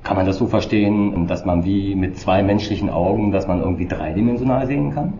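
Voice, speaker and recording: A man conducting an interview in a measured way. His voice comes through a low-quality stream with degraded sound. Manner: measured, asking questions. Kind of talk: interview questions. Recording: dull, roomy, noisy lo-fi recording.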